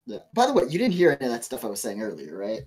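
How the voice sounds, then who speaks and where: A man's voice: mid-range voice, wildly swooping pitch, racing, darkish tone, breathy edge. A man playing a tabletop game, joking and speaking wryly in character. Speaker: player. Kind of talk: casual in-character banter.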